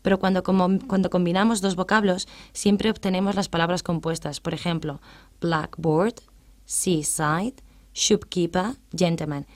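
A woman whose voice runs on the low side, with fairly even intonation, explains English grammar in a radio lesson. She reads the English examples slowly, staying patient and methodical.

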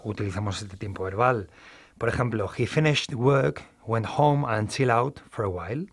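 Guy teaching english grammar, mid voice, steady and methodical, slows down for the examples. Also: mid-range voice. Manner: measured, methodical explanations with slow English example sentences. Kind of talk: explaining grammar in a studio lesson.

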